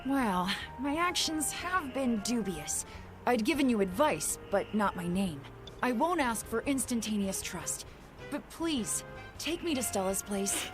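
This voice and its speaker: A man's voice: very high-pitched, a little slow, over music. An actor playing a courteous, mysterious young male magician in a game dub. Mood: polite. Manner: courteous, calm and formal. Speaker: game character.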